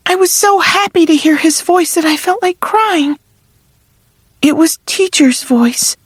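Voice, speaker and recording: A woman narrating an audiobook in first person, soft and earnest. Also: high voice, no echo, studio quality.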